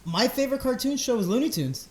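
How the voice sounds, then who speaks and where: A man's voice: very high voice, lively intonation, fast, roomy sound. A young man co-hosting a podcast, laid-back and self-deprecating in casual chat. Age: young adult. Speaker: podcast co-host, fighter.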